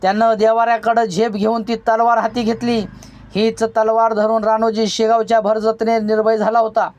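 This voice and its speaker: A narrator reading a novel aloud in a measured storytelling manner. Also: mid-range voice, flat delivery, a little mellow.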